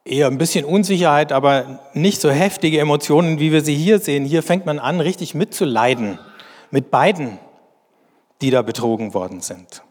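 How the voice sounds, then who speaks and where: Man reading scripture in a reverberant hall. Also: fairly high pitch. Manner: slow, deliberate reading with measured explanation. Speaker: bible teacher.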